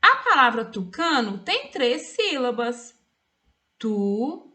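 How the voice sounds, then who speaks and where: Woman, high bright voice, teaching phonics; slow, careful spelling. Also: very animated. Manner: clearly spells out words syllable by syllable. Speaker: literacy teacher. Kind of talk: slow phonics dictation lesson.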